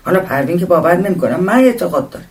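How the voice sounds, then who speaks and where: A man's voice: sits high, expressive, pitched above the performer's own voice. A man voicing a stubborn, pious middle-aged husband in a storybook reading, earnest and insistent. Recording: voice distant from the mic.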